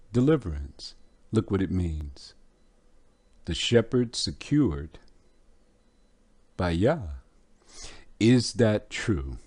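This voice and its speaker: A man with a low voice teaches scripture at an unhurried pace, breaking down word meanings before turning to animated storytelling. The recording is dry and close. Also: breathy edge, dry recording. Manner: vivid storyteller, acts out scenes. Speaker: Bible teacher. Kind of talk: storytelling sermon.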